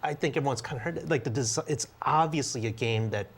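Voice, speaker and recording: A man's voice: medium pitch, fast. A man co-hosting a games podcast, chatting eagerly and reminiscing about old games. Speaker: podcast co-host. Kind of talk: casual chat.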